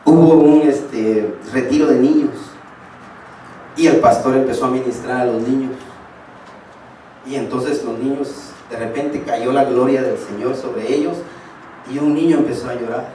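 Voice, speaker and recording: A man's voice: mid-range voice, a little slow, dark tone, slight background noise. A man preaching a sermon, speaking emphatically and addressing his congregation directly. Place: church hall. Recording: echoey hall, distant mic.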